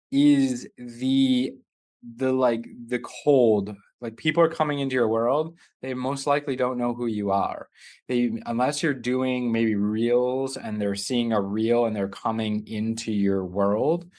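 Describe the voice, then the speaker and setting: Man coaching a live online masterclass. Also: mid-range voice. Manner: loose and conversational, often rephrasing mid-sentence. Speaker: business coach hosting a masterclass. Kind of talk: live online teaching session.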